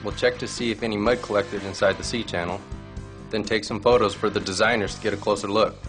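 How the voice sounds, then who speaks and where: A man giving a clear, technical explanation as an engineer reporting inspection results. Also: on the low side, fairly even intonation, a little fast, fairly bright tone, soft background music.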